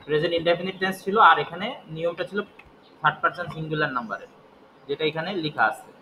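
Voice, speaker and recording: Bright-voiced male English tutor. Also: a little high, quick pace, slight background noise, rough recording. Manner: explains step by step, asks and answers his own questions. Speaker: English teacher. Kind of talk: spoken grammar lesson.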